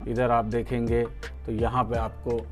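An Indian man hosts a product unboxing and demo, walking viewers through each step in a friendly, familiar way and often repeating himself. His mid-range voice stays monotone at a measured pace. Soft music plays in the background; he's a product reviewer and channel host.

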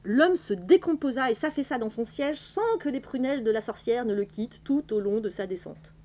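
A woman hosting a library live stream, reading a novel aloud in a clear, measured way. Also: on the high side, expressive, warm tone. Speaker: library host.

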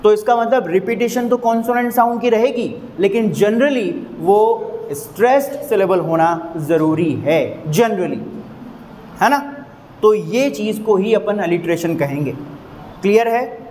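A man's voice: sits high, animated, a little mellow, slight background noise, poor audio. A man teaching English literary terms with a Hindi accent, repeating points and drawing out example sounds. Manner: repetitive, emphatic, drills sounds slowly. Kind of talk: explaining a literary term to students.

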